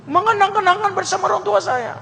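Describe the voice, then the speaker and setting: A man voicing a crying young European woman in a high falsetto, in a sermon story. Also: fast talker, creaky, pushed and bright, a little hiss or hum, heavily acted. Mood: wistful. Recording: reverberant hall.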